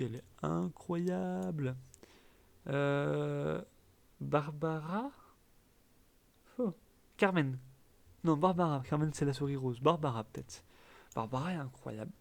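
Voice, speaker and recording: A young man chatting casually as a gaming video host, giving blunt quick verdicts with trailing fillers. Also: mid-range voice, vocal fry, darkish tone. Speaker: gaming YouTuber. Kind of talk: casual commentary.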